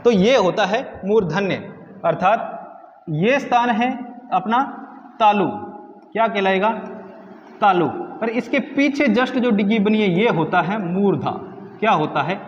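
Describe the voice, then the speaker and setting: A man's voice: sits high, a little slow, pauses often, roomy sound, long reverb tail, lo-fi sound. A man teaching Hindi grammar for exam prep, asking his own questions and answering them himself.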